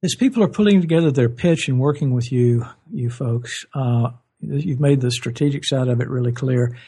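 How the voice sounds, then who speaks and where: A male host with a gravelly, deeply raspy voice asks his guest questions. He sounds encouraging and is quick to affirm with short replies. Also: dark tone. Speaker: interview host. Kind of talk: podcast interview.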